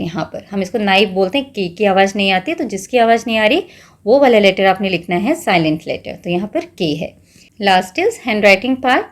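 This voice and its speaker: A woman with an Indian accent, taking young children through an exam sample paper. She talks patiently and spells words out slowly, switching between Hindi and English. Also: mid-range voice. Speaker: teacher.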